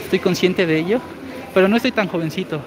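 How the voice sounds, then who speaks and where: A man in his forties with a high, girlish-sounding voice runs a live shopping-deals stream, walking a large indoor supermarket with his phone in hand. He talks fast and chattily, explaining deals and reading viewer comments as he goes, with a crowd and noisy store ambience behind him.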